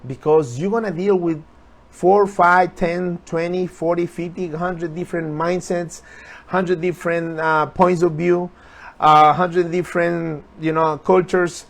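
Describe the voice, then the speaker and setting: High-voiced earnest motivational man. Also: level tone, unhurried. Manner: earnest, repetitive, urging viewers. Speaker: motivational speaker. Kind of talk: motivational talk on a live stream.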